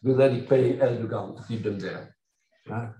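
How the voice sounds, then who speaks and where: An older man from Belgium giving an academic lecture, animated and ironic, with mocking asides and sudden loud outbursts. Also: on the low side, moderate pace, lo-fi sound. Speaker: university lecturer. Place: lecture hall. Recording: echoey hall from far off.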